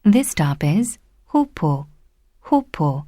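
A woman reading a prerecorded train station announcement in a slow, deliberate, formal manner. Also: low voice, sing-song, dark tone, dry recording, studio quality. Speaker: subway announcer.

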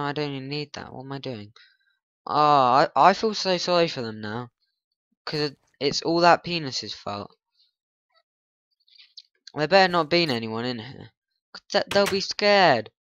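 A man's voice: mid-range voice, a bit bright, slight background noise. A man rambling through let's-play commentary, flustered, grumbling and poking fun at himself. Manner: flustered, grumbling, self-mocking. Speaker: gaming channel host.

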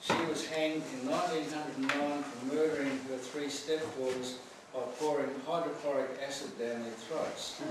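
A man giving a dramatic guided tour of a prison and projecting his voice to the group. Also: mid-range voice. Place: echoey old stone prison. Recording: echoey, distant, noisy visitor camera.

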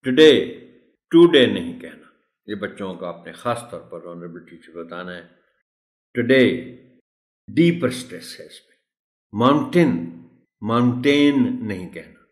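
A man giving a pronunciation tutorial for teachers, slowly drilling single words one at a time. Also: sits low, expressive. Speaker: teacher trainer. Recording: echoey room.

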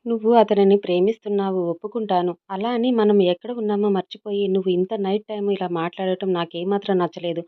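A woman's voice: lowish voice, fairly even intonation, normal speed, close to an everyday voice. Woman voicing a possessive young best friend. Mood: scolding. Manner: scolding, then pleading and sobbing. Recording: tinny phone-like audio.

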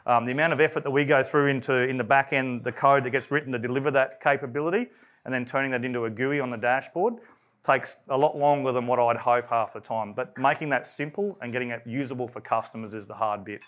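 Fast-talking Australian man presenting. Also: medium pitch. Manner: rapid, conversational, with many fillers and restarts; self-described monotone. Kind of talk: technical presentation. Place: event room.

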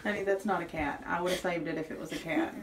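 A woman's voice: on the low side, fairly even intonation, fast talker, heavy background noise. A middle-aged woman talking casually as a mother, soothing her daughter with patient, repeated reassurance. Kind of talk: casual family chat. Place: small indoor clinic room.

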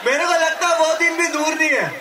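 A young man on stage with a handheld mic, shouting a speech and reciting poetry to his fans. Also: very high-pitched, steady tone, brisk, very noisy. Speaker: comedian addressing fans. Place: large indoor fan event on stage. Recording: echoey hall, loud crowd, from far off.

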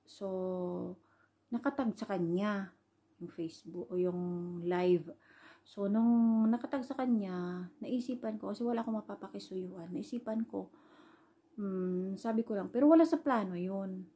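A woman's voice: medium pitch, a little slow, pauses often, mellow, breathy edge. A Filipino woman, an overseas caregiver, casually recounting a personal story in a rambling vlog style, full of fillers. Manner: rambling, fillers like "ayan", retells quoted dialogue. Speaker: overseas worker and caregiver vlogger.

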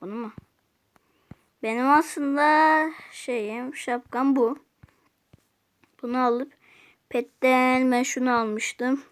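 A woman's voice: high voice, fairly even intonation, slow, long pauses, clear, resonant tone. A woman giving casual gameplay commentary, chatting to viewers and muttering to herself as she plays. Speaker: gaming youtuber.

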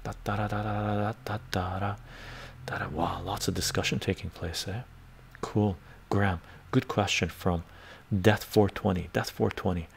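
Born in Iran and raised in western Canada, an older man runs a casual live stream from his book-lined home study, reading chat into a lapel mic. His gravelly, lowish voice holds a steady tone at normal speed; he speaks emphatically, repeats himself, keeps asking "right?", and sometimes sinks into a soft whisper. There's slight background noise.

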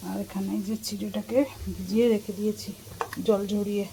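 A woman's voice: mid-range voice, level tone, brisk, gravelly, dark tone. A woman vlogger and mother giving a casual running commentary to her viewers as she shops and does her chores at home, filming herself on a phone she holds in her hand. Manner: chatty, talks while doing chores. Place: market outdoors, then at home. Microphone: phone held in hand. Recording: noisy phone recording.

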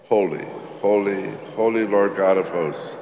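Low-voiced priest doing the mass prayers, slow and solemn, big cathedral echo all around. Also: male voice, darkish tone. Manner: solemn measured recitation. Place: large church. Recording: long echoey church reverb.

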